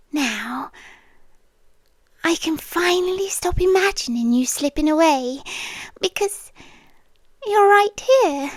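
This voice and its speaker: A woman fully plays a possessive British yandere landlady in an intimate ASMR roleplay, her high, soft, breathy voice moving very slowly and often slipping into a whisper. She coaxes with quiet menace, soothing yet smothering, in a slow, intimate, possessive way. The recording is close and dry on the mic.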